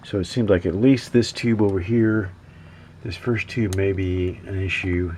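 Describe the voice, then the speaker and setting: A hobbyist radio repairer thinks aloud at an indoor workbench, narrating his hands-on repair work in a casual, hesitant, halting way, as if musing to himself. His voice is low and darkish with a steady tone, and there's a little hiss or hum.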